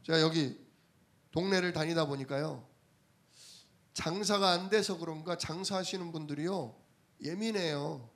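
High-pitched man preaching a sermon. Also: moderate pace, long pauses, fairly bright tone. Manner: asks the congregation rhetorical questions; conversational storytelling from daily life.

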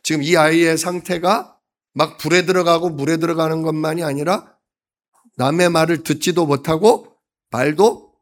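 A male pastor preaching a sermon, acting out quoted lines with sudden loud outbursts and then dropping to a soft voice. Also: fairly high pitch, fairly even intonation, normal speed. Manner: dramatic, acts out quotes with sudden loud bursts.

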